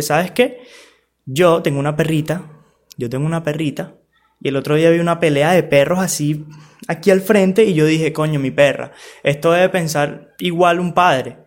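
A man with a somewhat high voice speaks straight to the camera. He gives blunt, casual advice to parents and teens, peppered with slang and swearing. He keeps checking that the listener is with him. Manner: frank and loose, with street slang and swearing; talks straight to the listener, asking for agreement.

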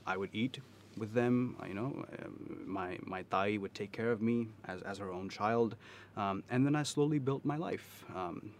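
A man's voice: fairly low pitch, slight background noise. A man with a Pakistani accent telling personal stories candidly in conversation, emphatic and often checking in with his listener. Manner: emphatic, frequently checks with "right?". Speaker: interview guest.

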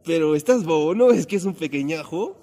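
A man's voice: fairly high pitch, animated, brisk, warm tone. A man voicing a cocky, teasing cat in a children's audio story, bossy and mocking in tone.

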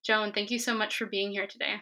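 A woman hosting a podcast, reading a guest introduction in an even, steady way. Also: mid-range voice, fast talker, low-quality recording. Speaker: podcast host.

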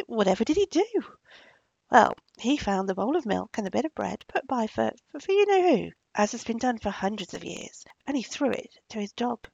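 A woman voicing a hurried country farmer who passes on village news, speaking loudly and briskly with a husky, gravelly voice. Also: medium pitch, no echo, highs cut off, heavily acted.

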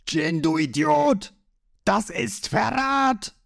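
A man voicing a boastful, hot-tempered male pirate boss who shouts and mocks, in a read-aloud manga story. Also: on the high side, very animated, takes it slowly, vocal fry, no echo, clean studio sound, pitched above the performer's own voice, heavily acted. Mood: blustering. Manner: blustering, shouting, mocking.

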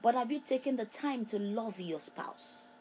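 A woman's voice: a little high, expressive, moderate pace, a little mellow, a little hiss or hum, low-quality recording. A woman preaching a prophetic sermon, repeating phrases with emphatic, rhythmic delivery. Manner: repetitive, emphatic, preacher's cadence.

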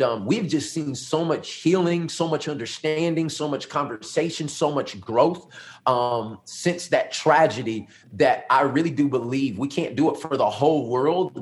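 Earnest pastor telling his story. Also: medium pitch. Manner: earnest, reflective storytelling with many ums. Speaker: lead pastor. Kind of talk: casual interview answers.

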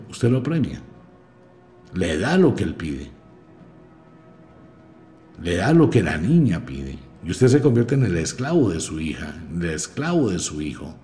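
A man with a low, mellow voice gives a podcast lecture. He is emphatic, dropping quiet and then rising loud, with faint music behind him. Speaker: magic course teacher.

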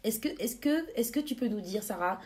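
A young woman co-hosting a casual podcast, bubbly, laughing often and filling pauses with hesitations. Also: on the high side, animated, a little mellow. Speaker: podcast co-host.

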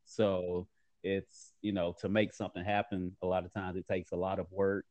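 A man giving measured, earnest interview answers in fairly formal wording as a magazine editor. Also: sits low, little pitch movement, a little mellow, no echo.

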